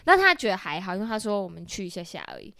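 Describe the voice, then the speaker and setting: A woman in her twenties with a Taiwanese Mandarin accent, telling a story in casual chat, animated and full of laughter. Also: medium pitch, rapid-fire, no echo. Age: 20s. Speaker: podcast co-host.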